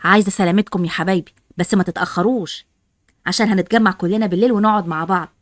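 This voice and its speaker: A caring old Egyptian grandmother who scolds and advises in a fast stream of words, as a woman puts her on. The voice sits in a middle range and is recorded close and dry, with no room sound. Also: medium pitch, fairly even intonation, dry recording, natural voice. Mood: scolding. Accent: Egyptian Arabic. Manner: fast, lecturing. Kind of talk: Roblox family drama voice acting.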